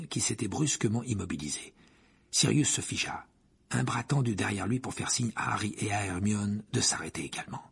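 A man reading a fantasy novel aloud as audiobook narrator, telling it dramatically with hushed passages. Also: lowish voice. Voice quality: husky, gravelly. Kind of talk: scripted narration.

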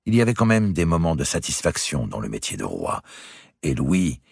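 A man narrates a historical novel in a steady, composed reading. His voice is very deep and husky. It is recorded close in a dry booth. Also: moderate pace, dry recording. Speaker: audiobook reader.

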